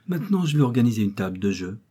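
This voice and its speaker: A man reading a fond old country gentleman. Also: mid-range voice, sing-song, rapid-fire, breathy edge. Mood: doting. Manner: warm, doting.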